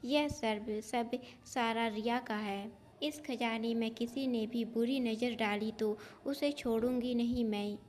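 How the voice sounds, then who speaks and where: A woman's voice: on the high side, steady tone, takes it slowly, few pauses, darkish tone, a little hiss or hum. A woman voicing a stern magical old woman. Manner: warning, stern.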